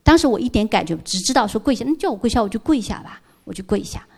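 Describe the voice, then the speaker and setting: A middle-aged woman gives a heartfelt church testimony in an earnest, emotional storytelling manner. Her voice has a gravelly, creaky edge, and her pitch sits in an ordinary middle range. She slips English words into her speech now and then. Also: expressive, fast, darkish tone. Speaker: church member giving testimony.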